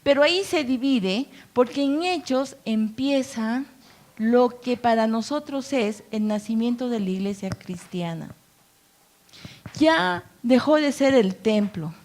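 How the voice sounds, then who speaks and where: A woman pastor delivers a sermon in a slightly high voice. She talks with her congregation as much as at them, asking rhetorical questions and briefly acting out the people in her stories. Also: expressive, takes it slowly, darkish tone. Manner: conversational preaching with rhetorical questions; acts out quoted voices with playful asides.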